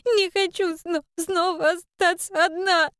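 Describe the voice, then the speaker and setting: A terrified little girl cries and stammers in a thin, very high voice, catching her breath between pleading words. The sound is dry and close, with no room around it. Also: normal speed, no room sound. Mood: stammering. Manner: stammering through tears, pleading. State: crying. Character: frightened little girl, sobbing and clinging.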